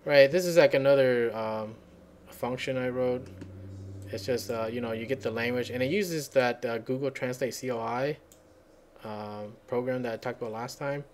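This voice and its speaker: A man's voice: mid-range voice, moderate pace, slight background noise. A man hosting a casual screencast tutorial, rambling and thinking aloud as he searches for words. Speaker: software tutorial host. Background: computer keyboard typing.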